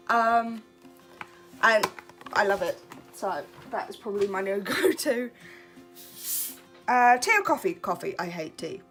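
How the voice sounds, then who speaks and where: Bright-voiced young woman, chatty vlogger. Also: medium pitch. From Kent, England. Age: 20s. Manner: chatty, self-deprecating, laughs often. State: relaxed late at night. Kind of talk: casual get-to-know-me chat.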